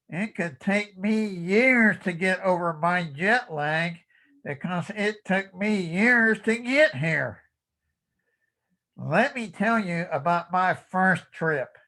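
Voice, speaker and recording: An ancient alien tourist with a robotic, filtered voice. It talks at a crawling pace with slow, deadpan announcements, and the tone is bright and sharp. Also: mid-range voice. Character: ancient wisecracking alien tourist visiting Earth. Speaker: masked contest speaker. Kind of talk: comic costumed speech.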